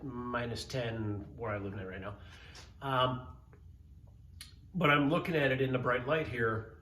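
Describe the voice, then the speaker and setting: A channel host in his fifties, with a medium-pitched, fairly bright voice, vlogs casually to camera from an indoor workspace, rambling enthusiastically and correcting himself. The recording has a roomy echo and faint background hiss.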